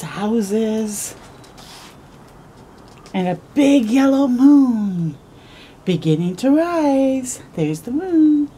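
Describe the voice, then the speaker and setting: A middle-aged woman with a fairly high pitch reads a picture book aloud for a children's storytime, slipping in little asides. She tells it slowly and expressively, gasping and drawing out words. It was recorded outdoors on a porch or yard in the early morning by a close camera, with a bit of hiss or hum.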